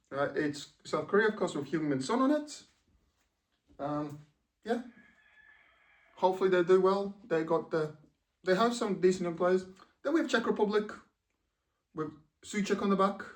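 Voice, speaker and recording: Young english guy rambling on about his stuff, kinda high voice, bit far off the mic. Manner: rambling, lots of fillers and self-corrections. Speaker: football vlogger. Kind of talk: casual chat.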